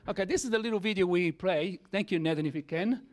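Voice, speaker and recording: A man whose first language is Italian gives a church testimony sermon in English with an Italian accent. His speech comes in halting bursts full of fillers and restarts, and his voice sits a little high for a man.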